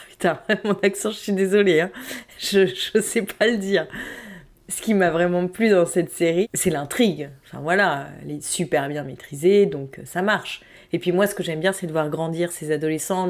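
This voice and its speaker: Speaking with many pauses and false starts, a thirtysomething woman from France muses aloud in a spontaneous audio diary about her hopes of writing novels; she also hosts a podcast. She has a fairly low, somewhat dark voice.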